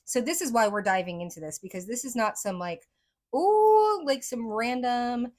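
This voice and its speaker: A woman's voice: on the high side, brisk. A woman psychic reader talking casually to her viewers, rambling with lots of "like" and "right?", her speech a mix of accents she picked up from many places.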